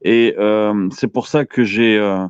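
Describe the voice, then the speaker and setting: Male radio show caller, 30s, lowish pitch, casual and halting delivery, dull close dry sound. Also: fairly even intonation, smooth, dry recording. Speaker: caller on an open-line internet radio show. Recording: dull lo-fi call audio.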